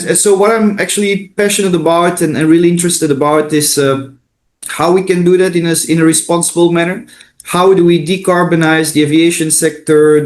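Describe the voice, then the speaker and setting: A middle-aged man who grew up in Belgium, answering interview questions on a video call. His voice sits fairly high for a man, and he hesitates often, repeating words and filling pauses with "uh" and "um" as he thinks aloud. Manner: hesitant, many fillers and restarts. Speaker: interview guest, consultant.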